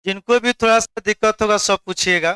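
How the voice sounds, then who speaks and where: Loud high-voiced chemistry teacher. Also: male voice, fairly even intonation, brisk, clear, resonant tone, no echo. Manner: loud, questioning the class, mixing English terms. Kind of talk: classroom lecture.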